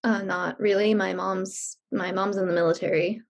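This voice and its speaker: A woman's voice: mid-range voice, flat delivery, gravelly, lightly acted. A woman playing a frustrated seventeen-year-old teen. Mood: awkward. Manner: hesitant, awkward, with quick fillers. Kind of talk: indie audio drama acting.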